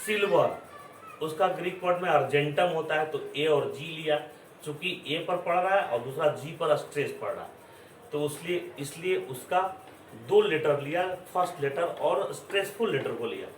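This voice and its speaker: A man giving a classroom lecture, explaining slowly and repeating his words. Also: fairly high pitch, expressive. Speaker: teacher. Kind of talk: classroom lecture mixing Hindi and English. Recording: echoey room, voice from a distance, faint background noise.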